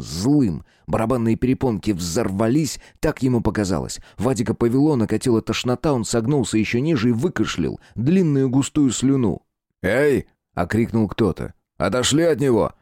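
A man narrates a horror story in a measured, expressive reading. His voice is deep and dark, with a lively, rolling intonation. The sound is close and dry, with no room around it. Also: no room sound. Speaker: audiobook narrator.

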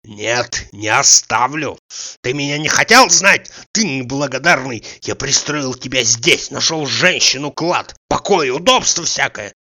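A man voicing a crude, blustering middle-aged male sponger who shouts insults and abuse. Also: medium pitch, animated, measured pace, full character voice. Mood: scolding. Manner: bellowing, abusive, indignant.

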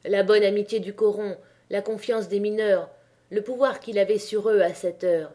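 Woman reading a novel in a mellow voice. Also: medium pitch. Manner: measured, expressive. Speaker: audiobook reader. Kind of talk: literary audiobook narration.

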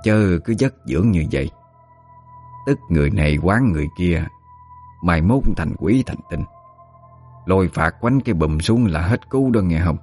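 A man voicing an elderly female village exorcist, speaking slowly and with authority in a Southern Vietnamese accent. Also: low-pitched, expressive, darkish tone, slightly rough, soft background music. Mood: calm. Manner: slow, soothing, commanding.

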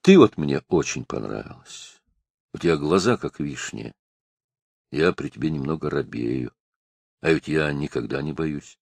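A man reading an audiobook and voicing a quiet, stubborn teenage boy who speaks matter-of-factly. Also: rumbling low, animated, unhurried, creaky, breathy edge, no room sound, pitched below the performer's own voice, full character voice. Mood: earnest.

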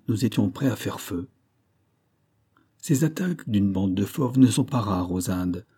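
Male audiobook narrator, low-pitched and mellow, steady measured reading. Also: slightly rough. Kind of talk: scripted narration of a classic novel.

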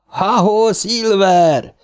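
A man voicing a giddy, reckless grown man who whoops and shouts in an audiobook. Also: high voice, smooth, pitched above the performer's own voice, close to an everyday voice. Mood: whooping. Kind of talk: audiobook character voice.

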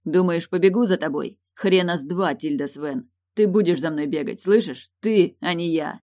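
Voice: medium pitch, moderate pace, dry recording, studio quality, natural voice. A single reader voicing a resentful young man who lashes out in anger, in audiobook style. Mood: shouting. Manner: resentful, shouting. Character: angry, wounded young man. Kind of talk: audiobook character voice.

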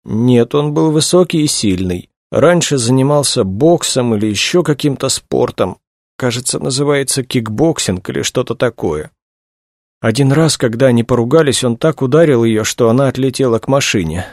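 A man reading a novel aloud, voicing a distraught young woman who is crying and speaks in a halting, high voice. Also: lively intonation, a little mellow, dry recording, clean studio sound. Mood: tearful. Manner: halting, tearful, high-pitched.

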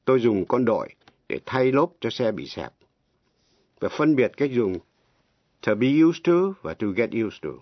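A man teaching English pronunciation on the radio, slow and deliberate, spelling words out letter by letter. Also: medium pitch, no echo. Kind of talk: slow radio language lesson. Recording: dull, lo-fi radio broadcast.

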